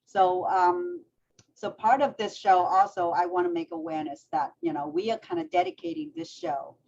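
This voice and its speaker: A woman's voice: fairly low pitch, lively intonation, moderate pace, creaky, darkish tone, a little hiss or hum. Chatty woman co-host on lo-fi audio. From Vietnam. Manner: chatty, with many fillers. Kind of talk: casual talk show hosting.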